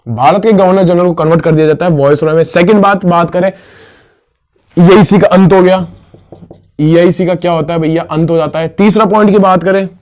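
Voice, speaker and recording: Casual history teacher, slightly high voice. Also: male voice, a little mellow. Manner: casual, asks and answers his own questions; calls listeners "bhaiya". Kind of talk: exam-prep history lesson.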